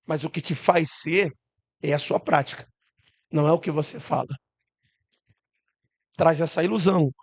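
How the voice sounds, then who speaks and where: A man's voice: fairly high pitch, normal speed, gravelly, long pauses. A man with a Brazilian accent preaching a sermon to his congregation, asking rhetorical questions and acting out the voices he quotes.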